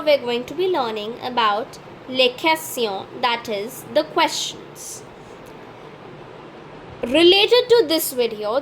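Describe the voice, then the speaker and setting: A woman hosting a French lesson channel, explaining slowly and drilling pronunciation carefully. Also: high-pitched, fairly bright tone, a little hiss or hum, rough recording. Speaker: French teacher and channel host. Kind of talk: slow instructional explanation.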